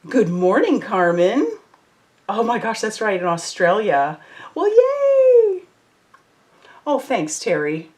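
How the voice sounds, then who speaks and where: A woman hosts a crafting livestream, talking casually as she works and reading viewer comments aloud. Her voice sits at medium pitch with wide swings in intonation, and she speaks unhurriedly. She comes across as chatty, warm and effusive.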